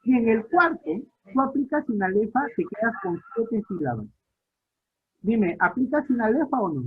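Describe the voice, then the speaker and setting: A man's voice: high voice, sing-song, moderate pace, husky. Teacher quizzing his class over a tinny line. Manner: questioning students, repeating key points. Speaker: literature teacher. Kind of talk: online class lecture. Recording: tinny phone-like audio line.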